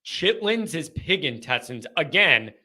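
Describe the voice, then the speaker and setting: A young man hosting a live sports call-in stream, ranting casually with animated, exasperated mock outrage. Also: fairly high pitch, measured pace. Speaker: host of a sports call-in show.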